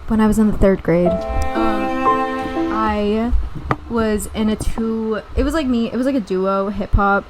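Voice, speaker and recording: A woman's voice: mid-range voice, a little slow, over music, poor audio. A woman co-hosting a podcast, chatting casually and telling stories with lots of laughter. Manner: giggly, animated storytelling. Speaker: podcast co-host. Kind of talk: casual chat.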